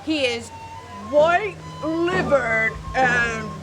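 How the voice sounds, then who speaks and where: A woman playing a cheeky, scornful young serving boy in a deliberate, mocking Shakespearean stage monologue in olde speech. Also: sits high, expressive, over loud music, heavily acted. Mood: wry, scornful.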